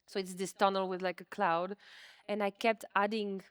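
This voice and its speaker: This dry recording captures a woman with a mid-range voice, clear and resonant, delivered flatly at a moderate pace. Her first language is French. As an interviewee at a museum exhibition, the artist chats conversationally, self-deprecating and leaning on many "likes."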